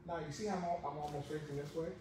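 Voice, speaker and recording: In a large gym, a man coaches judo hands-on, calling short commands and repeating cues very fast in a steady, fairly high-pitched voice. A camera on the floor picks him up amid echo and background noise.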